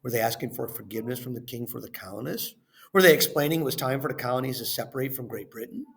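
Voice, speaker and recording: With a creaky, mid-range voice that's a bit bright, a man acts as a teacher reading a lesson and worksheet questions. His delivery is careful and instructional, leaning on the beginnings of phrases and trailing off at their ends.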